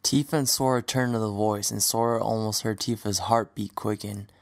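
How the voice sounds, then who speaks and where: A man narrating a fan audio drama as a storybook reading in a steady, even manner. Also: lowish voice, moderate pace, no room sound. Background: faint music.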